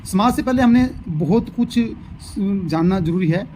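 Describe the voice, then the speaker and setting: Male teacher, fairly high voice, explanatory delivery, faint traffic behind. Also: expressive, a little slow, warm tone, low-quality recording. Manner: explanatory, repeats key terms. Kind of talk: lesson overview.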